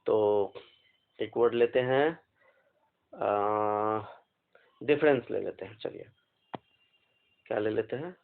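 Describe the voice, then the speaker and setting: A man teaching an exam vocabulary lesson, slowly spelling out words letter by letter and asking questions. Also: fairly low pitch, gravelly. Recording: phone-like narrow band.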